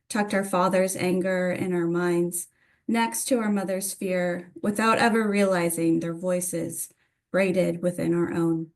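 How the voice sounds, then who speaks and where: A woman's voice: mid-range voice, a little mellow. A woman from Atlanta reading her own poetry at a literary reading, with informal introductions to each piece. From Atlanta, United States. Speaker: poet reading own work.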